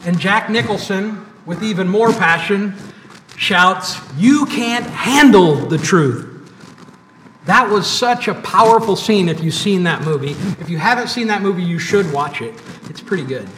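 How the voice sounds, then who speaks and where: A man preaching a sermon as pastor, with emphatic repetition and pauses, in a church sanctuary. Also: high voice, pushed and bright, a little hiss or hum. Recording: echoey church hall, mic at a distance.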